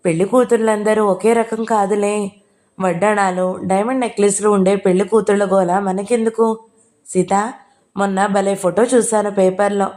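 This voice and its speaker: A woman voicing an older woman writer who teases and scolds in a sharp, playful way. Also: mid-range voice, close to an everyday voice. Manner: teasing, scolding.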